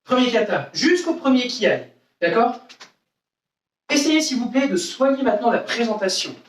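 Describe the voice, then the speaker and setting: A man's voice: very high-pitched, big pitch swings, normal speed, recorded from a distance, a little hiss or hum. A man teaching a live online karate class, explaining technique and calling out counts and commands to his students. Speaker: karate instructor. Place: room at home with window. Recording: very echoey room, away from the mic.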